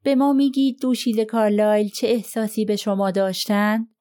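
A woman's voice: mid-range voice, steady tone, warm tone, close to an everyday voice. A woman voicing a cold, firm male lawyer in an audiobook, pressing a witness with probing questions. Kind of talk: audiobook character reading.

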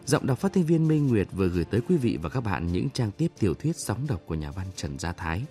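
Lively low-voiced man presenting on radio. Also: a little fast, faint music behind. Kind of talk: scripted programme outro with story teaser.

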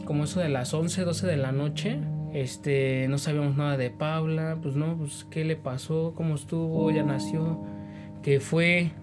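A Mexican man with a Mexican accent, telling what happened in a plain, halting way with fillers in an interview. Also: fairly high pitch, steady tone. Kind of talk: personal testimony. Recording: music bed under voice.

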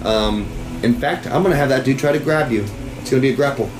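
A man's voice: mid-range voice, fast talker. Man running a game in an echoey room. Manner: informal, salty-tongued, thinking aloud. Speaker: game master. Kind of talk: running a tabletop game, casual chat. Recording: echoey room with background music.

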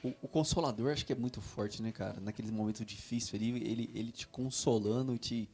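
A man's voice: medium pitch, fast, a little mellow. A man co-hosting a casual religious talk, hesitant and restarting his points. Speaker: podcast co-host.

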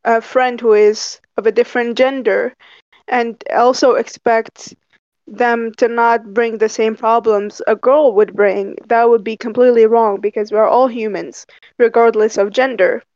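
A young woman from Algeria, talking frankly and pausing to find words in a casual discussion. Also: fairly high pitch, fairly even intonation, a little mellow, no echo. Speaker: discussion participant. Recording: dry, muffled lo-fi call audio.

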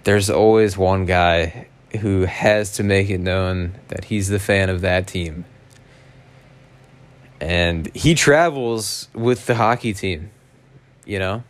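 A man with a raspy, hoarse smoker's voice chatting casually as a solo podcast host, laid-back, slangy and sweary. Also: low voice. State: hoarse after a night out.

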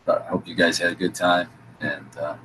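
A man with a low voice chats casually like a blissed-out stoner on a livestream panel. His drawl is laid-back and friendly slang fills his talk. Faint noise sits in the recording. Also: flat delivery, fairly quick. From Michigan. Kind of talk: casual chat.

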